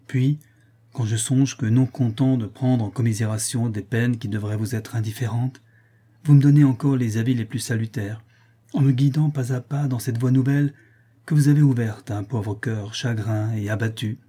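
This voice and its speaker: A man's voice: medium pitch, fairly even intonation, normal speed, mellow, breathy edge, natural voice. A man voicing a tender, devout noblewoman in an audiobook reading, speaking with earnest admiration.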